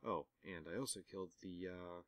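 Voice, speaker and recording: Deep-voiced man in dry, wry game commentary. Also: a little fast, a bit bright, no room sound. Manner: wry, self-mocking asides. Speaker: gaming commentator. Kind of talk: casual let's-play commentary.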